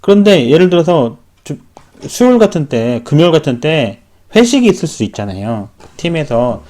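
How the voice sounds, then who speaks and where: A man's voice: a little high, very animated, moderate pace, a little mellow. A man who works as a welder tells his own story in a rambling, casual way and often corrects himself mid-sentence. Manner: rambling, frequent self-corrections. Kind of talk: personal storytelling.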